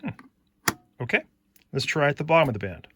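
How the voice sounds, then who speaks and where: Against steady background noise, a male electronics hobbyist walks through a hands-on demo, reasoning out loud step by step in a methodical way. He speaks a little high and a little fast.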